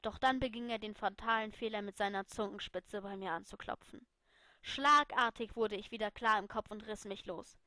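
A woman's voice: medium pitch, moderate pace, pushed and bright, no room sound. Woman reading a first-person story aloud. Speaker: reader.

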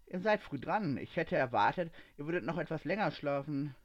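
Man doing a calm honest young man, storybook, plain-spoken, steady, muffled lo-fi. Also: fairly high pitch, a little fast, lightly acted.

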